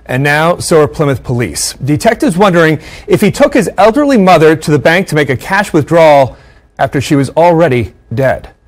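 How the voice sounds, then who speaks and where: A man reporting live for a local TV newscast, earnest and measured. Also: fairly high pitch, lively intonation. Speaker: TV news reporter.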